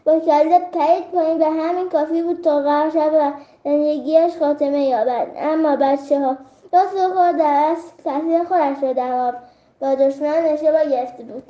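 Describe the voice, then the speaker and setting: A woman reading a fable aloud to children in a gentle storybook manner. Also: high voice, steady tone. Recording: roomy, slightly dull recording.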